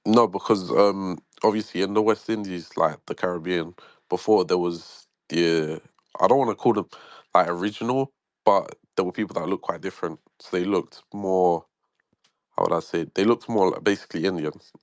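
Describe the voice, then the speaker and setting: Male caller, low-voiced, hesitant and curious. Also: normal speed, no room sound. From London, England. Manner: hesitant, curious, many fillers. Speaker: caller in an audio chat room. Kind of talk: casual chat.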